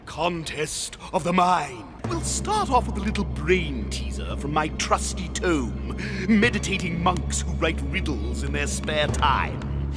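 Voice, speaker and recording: A man's voice: a little high, very animated. A man voicing a pompous, hot-tempered, scheming monster king in a theatrical, bombastic cartoon style. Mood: smug scheming. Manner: grandiose, bombastic, drawn-out exclamations. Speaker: cartoon villain. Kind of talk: theatrical animated-series voice acting. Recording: loud music bed behind dialogue.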